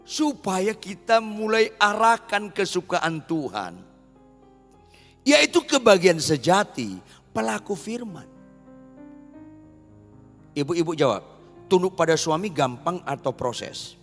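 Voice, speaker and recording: A man's voice: high-pitched, sing-song, slow, long pauses, big-room sound, faint music behind. A man preaching a sermon as pastor, keeps asking the congregation questions and answering them himself.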